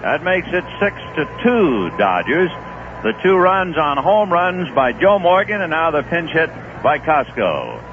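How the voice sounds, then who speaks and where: With music in the background, a fairly high-voiced announcer calls live baseball on a tinny, noisy 1970s radio broadcast. He speaks at a measured pace, turning lively as his voice rises with the big plays.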